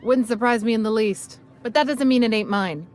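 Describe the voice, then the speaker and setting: A woman's voice: on the high side, moderate pace, a little mellow, slight background noise, close to an everyday voice. An actress playing a scrappy, tough female salvage freelancer in a game, blunt and sarcastic. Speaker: game character.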